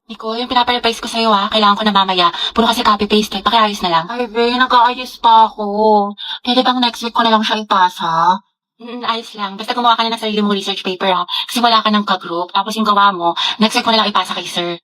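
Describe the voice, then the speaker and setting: A woman's voice: mid-range voice, fairly even intonation, quick pace, bright, forceful tone, lightly acted, poor audio. A woman with a Filipino accent playing a chatty young student bantering with classmates in a casual comedy skit. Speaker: skit performer.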